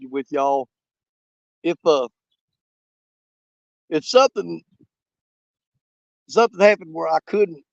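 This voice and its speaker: A fishing live-stream host is outdoors at a small lake, chatting casually and folksily straight to his viewers and rambling as he goes. His fairly high voice is hoarse and gravelly because he's losing it, and the recording sounds dry and muffled.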